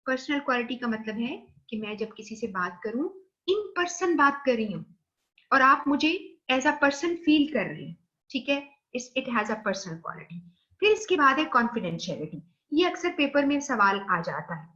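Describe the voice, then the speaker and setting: A woman's voice: high-pitched, sing-song, normal speed, a bit bright. Pakistani woman lecturer, dull recording. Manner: explains slide points, checks understanding with "theek hai"; mixes English terms into Urdu explanation.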